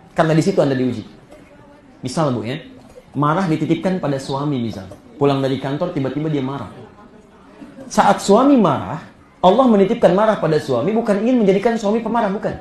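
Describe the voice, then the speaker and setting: Animated preacher, echoey hall. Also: male voice, high voice. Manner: animated, lively storytelling with rising emphasis. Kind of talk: sermon. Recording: echoey room.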